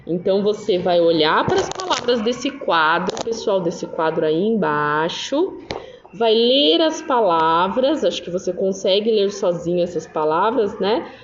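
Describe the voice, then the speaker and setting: A woman's voice: medium pitch, big pitch swings, a little slow, background noise. A Brazilian woman teacher explaining exercises in a lesson, patient and checking in with her students often. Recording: dull roomy recording with faint ambience.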